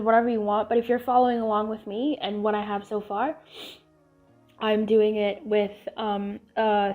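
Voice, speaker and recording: A woman hosting her own channel chats casually through a tutorial in a sniffly, congested voice, rambling with fillers and restarts. Her voice is mid-range with a dark tone, and the highs are cut off.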